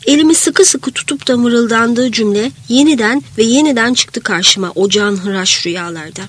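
Breathy woman reading a reflective story. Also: on the high side, fairly bright tone. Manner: reflective, sometimes dropping to a whisper. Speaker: narrator. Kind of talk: literary first-person narration.

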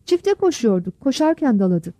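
Excited village boys calling out in urgent bursts, as a woman reader puts them on. High, lively and warm. Recorded close and dry. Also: normal speed, no room sound. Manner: urgent, shouting.

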